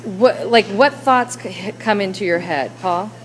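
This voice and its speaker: A woman's voice: medium pitch, a little slow, slight background noise, poor audio. A woman teacher leading a classroom discussion with children, coaxing them with question after question.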